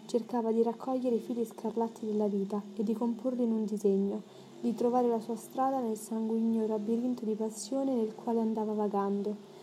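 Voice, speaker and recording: Mellow-voiced woman narrating a classic novel. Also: a little high, steady tone, normal speed, a little hiss or hum. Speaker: audiobook narrator. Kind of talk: literary audiobook narration.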